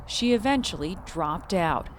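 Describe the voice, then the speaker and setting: A woman's voice: fairly low pitch, expressive, unhurried, a little hiss or hum. A woman reporter reading scripted narration for an investigative news exposé.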